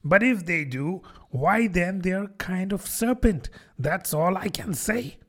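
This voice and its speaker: A man voicing a sleepless, indignant pigeon that scolds and accuses in a shrill, contemptuous manner, in an audiobook. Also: expressive, a little slow, a bit bright, heavily acted. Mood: scornful. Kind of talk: audiobook character voice.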